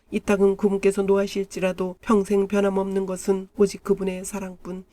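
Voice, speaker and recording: A woman gives a devotional scripture reading, calm and measured. Her voice is mellow and dark, and her pitch barely moves. The sound is dry and close. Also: no echo. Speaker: Bible reader.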